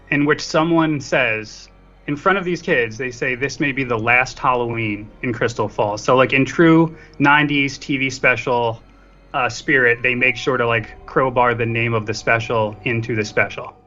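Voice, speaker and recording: In a casual film conversation, this podcast guest co-reviewer cracks self-deprecating jokes at normal speed. His voice is mid-range and sharp, captured in dull lo-fi audio with faint music.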